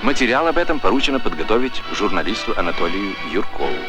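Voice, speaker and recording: Male narrator, 1970s Soviet newsreel; lowish voice, solemn scripted delivery, music behind. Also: sing-song, fast talker. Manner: formal, solemn old newsreel announcer. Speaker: documentary narrator. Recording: vintage film soundtrack with music.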